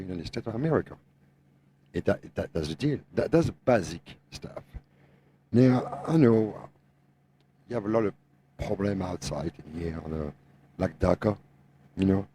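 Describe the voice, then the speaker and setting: Appearing on a podcast, a middle-aged owner-operator truck driver from France, a native French speaker, voices his views with an accent blending French and Tennessee. He repeats phrases emphatically and uses non-native grammar. His voice is fairly low, dark, and slightly rough.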